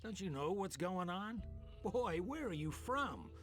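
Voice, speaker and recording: A suspicious, grumbling farmer from a video game, talking in an overdone rural drawl. His voice sits high for a man. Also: very animated, unhurried, over music. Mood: agitated. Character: grumbling middle-aged male farmer, suspicious.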